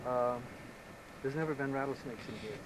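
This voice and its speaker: Chatty man on a hissy old VHS tape. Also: medium pitch. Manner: easygoing, chatty, quick talker. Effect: old VHS home video tape sound. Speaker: local guide showing a visitor around. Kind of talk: casual rambling storytelling. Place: outdoors on a rural property. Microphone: camcorder microphone.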